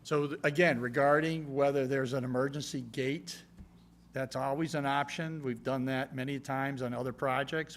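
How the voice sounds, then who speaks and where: A man answering as an engineer at a public meeting, explaining in a matter-of-fact way. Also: medium pitch. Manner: matter-of-fact, checking with "okay?". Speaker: project engineer. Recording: noticeable background hum and noise.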